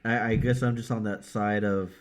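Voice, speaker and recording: A man's voice: on the low side, flat delivery, normal speed. A man co-hosting a casual wrestling podcast, rambling through his points and laughing at himself. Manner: rambling, laughs easily, self-mocking. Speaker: podcast co-host. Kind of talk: casual chat.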